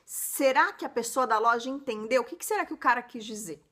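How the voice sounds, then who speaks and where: A woman hosting a casual video lesson, chatty and encouraging, often tagging her sentences with a quick question. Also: on the high side, pushed and bright. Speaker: English teacher and channel host.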